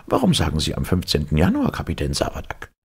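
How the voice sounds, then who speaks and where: A man with a gravelly, husky voice voicing a strict, pedantic male professor who lectures in a dry tone. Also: rumbling low, huge pitch swings, quick pace, heavily acted.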